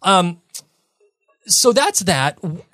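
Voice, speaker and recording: A man's voice: sits high, sing-song, drawn-out words, sharp tone, no room sound. Opinionated man on a dry mic. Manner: opinionated, emphatic. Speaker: podcast co-host. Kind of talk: casual chat.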